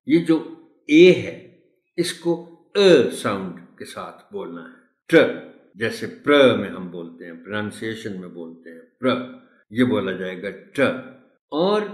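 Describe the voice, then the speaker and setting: Man, low-pitched pronunciation teacher, unhurried, formal and patient, recorded in a roomy space. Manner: slow, deliberate, repeats words to model stress; addresses listeners politely and formally. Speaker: English pronunciation tutor for teachers. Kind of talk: tutorial lesson explaining pronunciation.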